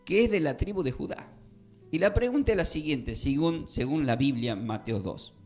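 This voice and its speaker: Man teaching Bible on radio, a bit high-pitched, emphatic and questioning, faint music underneath. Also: lively intonation, moderate pace, a little mellow. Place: radio studio.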